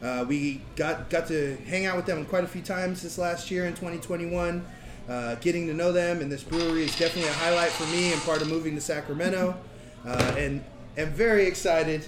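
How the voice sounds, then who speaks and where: A man's voice: fairly high pitch, a little fast, noisy background. A man hosting a casual podcast recorded on location at a brewery. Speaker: podcast host. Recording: echoey on-location room, music behind.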